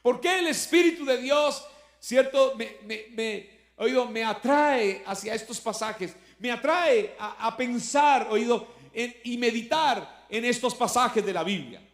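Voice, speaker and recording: High-voiced pastor preaching. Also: male voice, unhurried, reverberant. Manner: conversational preaching with frequent rhetorical questions; voice swells when quoting scripture. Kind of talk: sermon.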